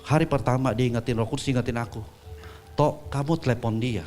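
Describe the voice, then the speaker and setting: A man preaching a sermon, telling a story with acted-out voices and swinging from soft asides to loud peaks. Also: medium pitch, a little fast, soft background music. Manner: acts out quoted voices in dialogue.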